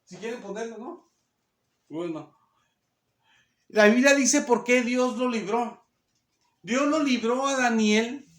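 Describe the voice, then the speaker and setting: A man's voice: extremely high pitch, a bit bright. A man, walking his listeners patiently through the passage and circling back over his own words. His voice rings through an echoey church hall. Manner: earnest, explains slowly and repeats phrases. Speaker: preacher. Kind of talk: sermon. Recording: echoey room.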